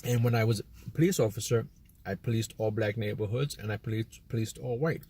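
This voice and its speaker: An American man hosts a video, delivering a loose, rambling monologue to camera, repeating words and quoting imagined conversations. His lowish, warm voice runs a little fast with slight background noise.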